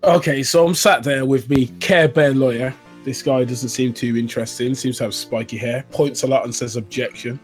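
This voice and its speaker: A man's voice: mid-range voice, fairly even intonation, normal speed, hardly any pauses, breathy edge, faint music behind. A man on a comedy podcast panel, improvising a profane story and laughing as he goes.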